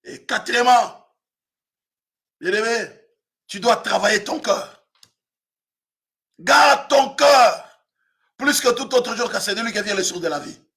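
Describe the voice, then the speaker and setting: Man, pastor in his fifties, from Africa, very high voice, sharp bright tone, shouted sermon. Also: expressive, unhurried, pauses often. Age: 50s. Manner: preaching with frequent shouted emphasis.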